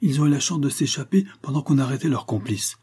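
A man's voice: medium pitch, animated, fast, mellow, slightly rough, pitched above the performer's own voice. A man voicing a sententious village schoolmaster with a pointed, singsong voice.

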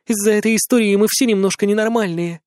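A man's voice: high-pitched, fairly even intonation, fast, a little mellow, smooth, dry recording, studio quality, pitched above the performer's own voice, close to an everyday voice. Man doing a pleading, weary young woman. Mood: sad, tender. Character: anxious, gentle young woman, tired and lonely.

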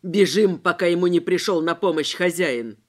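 A woman's voice: lowish voice, lively intonation, a little slow, pitched below the performer's own voice. A woman voicing a curt, menacing male robber who hisses his words. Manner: hissing, curt.

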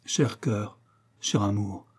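A man's voice: mid-range voice, unhurried, dark tone, husky, pitched above the performer's own voice. A man voicing a desperate woman in love, pleading and tearful, in an audiobook reading. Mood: adoring.

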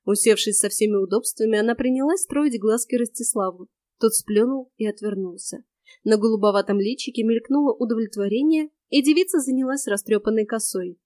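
A woman reads a first-person fantasy story aloud with a lively, wry delivery. Her voice sits a little high. The recording is dry and close, with no room around it. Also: fairly quick, no room sound. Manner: lively, wry, expressive reading. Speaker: audiobook narrator. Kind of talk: first-person audiobook narration.

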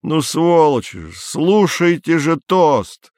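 A man's voice: fairly high pitch, very animated, slow pace, no room sound, studio quality, pitched above the performer's own voice. A man doing a heated young Soviet scientist. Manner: shouting, heated and insistent.

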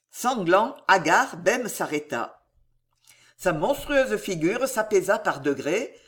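An audiobook reader narrating a dramatic historical novel in a slow, expressive storytelling manner. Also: mid-range voice.

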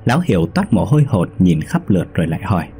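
Deep-voiced man narrating a ghost story. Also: sing-song, fast, mellow, slight background noise. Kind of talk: scripted horror narration.

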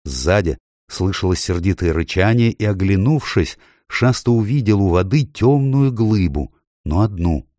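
Male audiobook narrator, low voice, lively delivery, dry close sound. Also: a little slow, dry recording. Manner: expressive storytelling. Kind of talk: audiobook reading.

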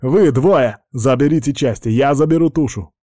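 Man doing a gruff guard commander, loud, urgent orders, dark voice, audiobook. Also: mid-range voice, animated, slow pace, no room sound, studio quality, pitched above the performer's own voice.

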